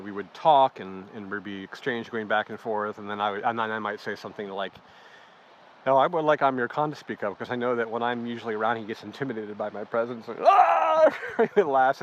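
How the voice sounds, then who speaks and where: A man telling a lively anecdote in an interview, acting out the voices of the people he quotes. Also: mid-range voice. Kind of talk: storytelling interview. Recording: dull lo-fi sound with clear background noise.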